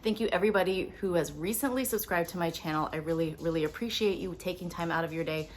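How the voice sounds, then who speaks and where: Woman, low-pitched, casual haul vlogger; quick, upfront delivery at home with faint background noise. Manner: chatty, upfront, talking quickly to camera. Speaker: beauty vlogger. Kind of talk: casual product haul vlog. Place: at home with windows open. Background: faint household noise, dog walking around.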